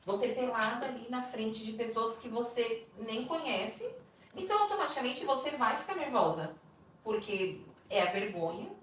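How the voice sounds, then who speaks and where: A woman's voice: a little high, animated, moderate pace. A woman with a Brazilian Portuguese accent, a podcast guest telling a personal story with animation and acting out the voices of the people in it. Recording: echoey room, distant mic, faint noise.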